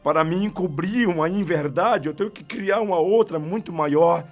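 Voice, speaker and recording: Evangelist, man, Brazilian Portuguese accent, higher voice, fervent testimony, faint music under. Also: normal speed. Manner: fervent storytelling, often calling out to God. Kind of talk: testimony in a radio interview. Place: radio studio.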